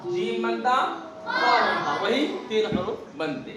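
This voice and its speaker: Male religious teacher, high voice, call-and-response drilling, echoey room and distant mic with background noise. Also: wildly swooping pitch, takes it slowly, over a noisy crowd. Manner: asks questions and repeats the answers. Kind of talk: classroom lesson on Arabic letters.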